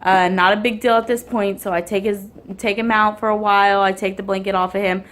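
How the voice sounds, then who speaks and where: A woman's voice: medium pitch, steady tone, brisk, a bit bright. Chatty mother rambling through a story. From Houston area, Texas. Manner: rambling, many ums and restarts. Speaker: vlogger and mother. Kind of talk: casual storytelling vlog.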